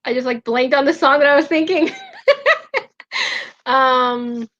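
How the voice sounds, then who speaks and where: A bright, high-pitched woman talks in a playful, giggly way, breaking into hummed snatches of songs between her remarks. Her voice has a sharp, ringing edge. The audio is dull and lo-fi, like a video call. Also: a little slow. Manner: giggly, playful, hums song lines. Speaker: co-host. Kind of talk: casual chat, singing snippets.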